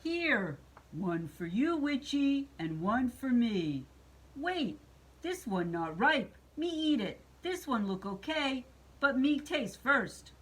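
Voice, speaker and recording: A woman's voice: a little high, sing-song, takes it slowly, husky, voice pushed up, heavily acted. A woman voicing a greedy, childlike male monster who pleads in simple broken grammar, in a storybook reading. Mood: eager, greedy.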